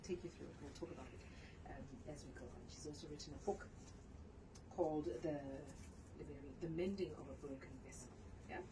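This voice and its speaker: A woman with a low-pitched voice hosts a radio interview at a fairly quick pace, chatting freely and often repeating her guest's words back. She is recorded through a distant microphone with noise in the background.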